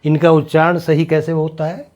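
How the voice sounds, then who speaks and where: Man, teacher, slightly high pitch, slow deliberate syllables, patient explaining. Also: completely flat delivery, a little mellow. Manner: slow, deliberate, repeats syllables to demonstrate sounds; explains patiently, asks students if it is clear. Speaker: Hindi teacher. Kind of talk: classroom lesson on pronunciation.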